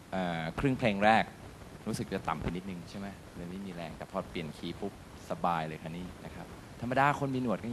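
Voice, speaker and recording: Effusive low-voiced male judge. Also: noisy background. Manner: effusive, joking. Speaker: singing competition judge. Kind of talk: enthusiastic praise.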